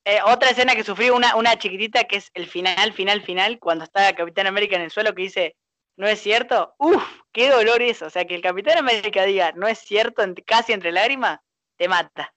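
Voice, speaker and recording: A man with a Rioplatense accent hosting a casual podcast chat, excitable and steering the talk. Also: high-pitched, quick pace, no echo. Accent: Rioplatense Spanish. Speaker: podcast host.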